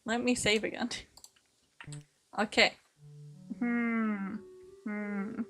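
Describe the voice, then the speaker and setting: A woman's voice: mid-range voice, fairly even intonation, very slow, pushed and bright. A woman streamer reading visual novel text aloud and reacting with laughs and outbursts. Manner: reads narration, then reacts with laughs and swearing. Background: faint piano music.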